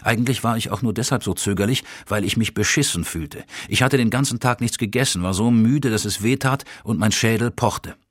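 A man narrating an audiobook in a husky, measured, matter-of-fact voice. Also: fairly low pitch, no room sound, studio quality.

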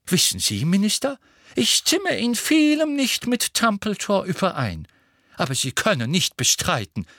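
A man's voice: sits high, huge pitch swings, a little slow, pushed and bright, dry recording, clean studio sound, voice pushed up, exaggerated voice. A man voicing a wry, haughty old wizard in a portrait in an audiobook. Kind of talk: audiobook reading.

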